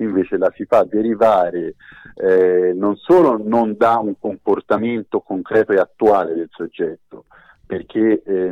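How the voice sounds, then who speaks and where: A man's voice: sits low, dry recording. A man speaking over the phone as a legal expert guest in a radio interview, explaining in a formal, precise way. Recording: tinny phone line.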